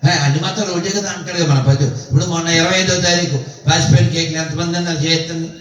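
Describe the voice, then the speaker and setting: A man speaking to a boy before an audience, asking quick teasing questions in a playful stage manner. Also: on the high side, steady tone, fairly bright tone. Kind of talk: lively stage talk with rhetorical questions. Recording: echoey hall, distant mic, dull sound.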